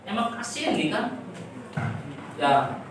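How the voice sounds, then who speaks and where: A woman's voice: on the low side, very animated, slow, background noise. A woman teacher giving a classroom lesson, quizzing and coaxing her pupils with repeated questions. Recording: echoey classroom from far off.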